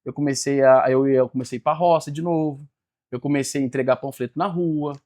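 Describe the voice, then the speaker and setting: A man's voice: medium pitch, fairly even intonation, a little fast, darkish tone. A man, telling his life story as a podcast guest and acting out the dialogue. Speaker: guest, business mentor. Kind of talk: personal storytelling in a podcast interview.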